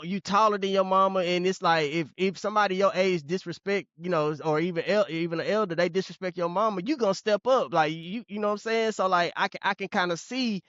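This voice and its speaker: High-voiced man rambling in casual chat. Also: a bit bright, dry recording, dull audio. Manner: rambling, repeats words, many fillers. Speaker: podcast co-host.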